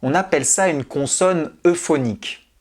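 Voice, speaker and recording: A teacher narrating a scripted French grammar lesson, reading out example questions and their answers in a deliberate way. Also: mid-range voice.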